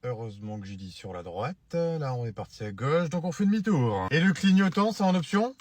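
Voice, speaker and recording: A man's voice: mid-range voice, animated, brisk, a little mellow, dry recording. A man playing an exasperated driving instructor in a comedy sketch, scolding his student.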